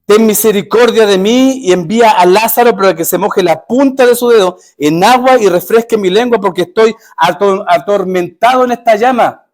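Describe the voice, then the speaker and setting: A man's voice: high voice, normal speed, few pauses, pitched above the performer's own voice, natural voice. A man voicing a tormented rich man who pleads desperately from the flames. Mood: pleading.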